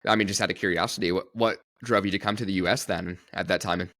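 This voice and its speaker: A man's voice: deep voice, steady tone, quick pace, a bit bright, dry recording, clean studio sound. A man hosting a podcast, asking questions in a friendly, affirming way. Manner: friendly, affirming with brief interjections. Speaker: podcast host. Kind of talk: interview hosting.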